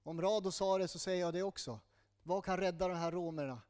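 A man preaching a sermon in a conversational style, with asides and small jokes, dropping to a slow, hushed voice on tender lines. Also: high voice. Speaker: pastor.

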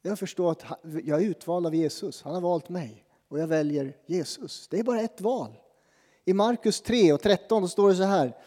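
Long church-hall reverb follows the words of a male pastor preaching a sermon. His tone is dark and mellow though his pitch is slightly high for a man, and he keeps things conversational and self-deprecating, with dramatic pauses.

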